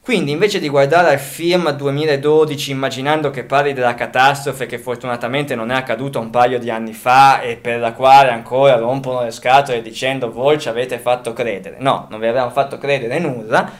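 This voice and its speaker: A man co-hosting a casual podcast, speaking. He rambles in long chains of thought, restarting and correcting himself as he goes, at a middling pitch. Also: steady tone, brisk, few pauses. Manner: rambling, restarts and self-corrections while thinking aloud. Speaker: podcast co-host.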